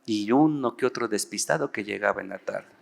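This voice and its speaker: A middle-aged pastor with a Mexican accent, telling a story in a lively, animated sermon straight to his congregation. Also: lowish voice, a little fast, gravelly. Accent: Mexican Spanish. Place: large church auditorium. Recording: long church reverb.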